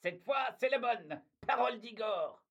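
A woman's voice: fairly high pitch, animated, a little slow, vocal fry, fairly bright tone, breathy edge, heavily acted. Igor, a boastful hunter, as a woman puts him on. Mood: insistent. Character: boastful male hunter setting traps.

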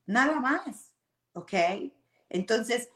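A woman's voice: a little high, extremely slow. A woman in her forties with an Argentine Spanish accent, hosting a casual personal talk, often checking in with "ok?" and mixing in English words. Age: 40s. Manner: expressive, tags sentences with "¿ok?", drops in English words. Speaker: show host. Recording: roomy echo.

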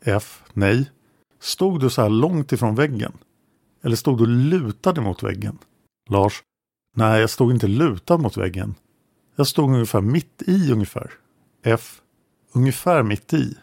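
A man narrating a true-crime podcast, reading an interrogation transcript aloud in a measured, matter-of-fact way and naming each speaker before their lines. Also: mid-range voice, animated, gravelly, a little mellow, dry recording.

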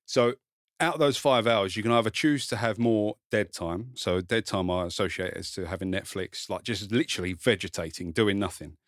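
A man from Kent, England, speaks at a moderate pace in a lowish voice, recorded cleanly in a studio with no room sound. He has a south-east English, Essex-like accent and, as a podcast guest who creates content and writes books, tells personal stories in a casual, self-deprecating way, swearing now and then.

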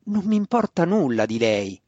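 A man reading an audiobook, voicing a young male dark elf who answers back with anger and defiance. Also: medium pitch, lively intonation, normal speed, dry recording, dull audio, natural voice. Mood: defiant. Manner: defiant, angry, shaken.

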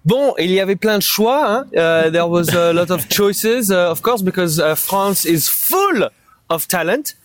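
A man's voice: high voice, animated, dry recording, faint music behind. A man putting on a thick, jokey French accent, sprinkling in French words and laughing as he talks. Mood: playful. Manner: drops French phrases, laughing, halting.

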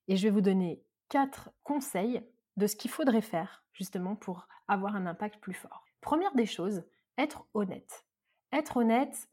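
A woman from France hosting a self-help podcast, talking very fast and lively as she gives advice. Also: mid-range voice. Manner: very fast, lively talker with many examples. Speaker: podcast host and coach.

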